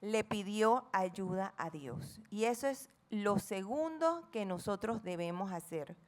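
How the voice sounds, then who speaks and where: A middle-aged woman with a Panamanian Spanish accent preaches a sermon, her medium-pitched voice animated but unhurried. She reads scripture dramatically, asks the congregation questions, and throws in playful asides acting out friends' chatter.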